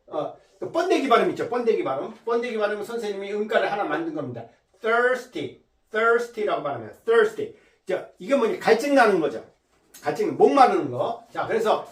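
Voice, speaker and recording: A man teaching English through Bible verses in a lecture, slowly explaining words and repeating them to drill pronunciation. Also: sits high, roomy sound, recorded from a distance.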